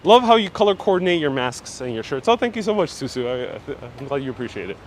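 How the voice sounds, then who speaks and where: On an outdoor live stream, a man strolls city streets giving a casual walking tour, answering viewers politely in a sing-song, mid-range voice at a quick pace. He wears a mask that slightly muffles him and a clip-on body mic, with street noise and passing vehicles around.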